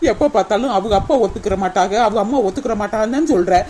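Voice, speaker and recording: A woman's voice: mid-range voice, very fast, dark tone, a little hiss or hum, close to an everyday voice. A woman voicing a bold, outspoken young village woman in a cartoon comedy, with a blunt, pushy way of talking. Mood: urging.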